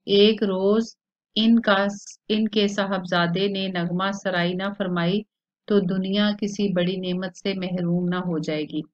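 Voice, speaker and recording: A woman's voice: mid-range voice, steady tone, slow pace, close to an everyday voice. Lady reading as a sick cranky husband, whiny and fed up, muffled lo-fi sound. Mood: pleading. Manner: groaning, complaining. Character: ailing irritable husband, grown man. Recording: dull lo-fi recording.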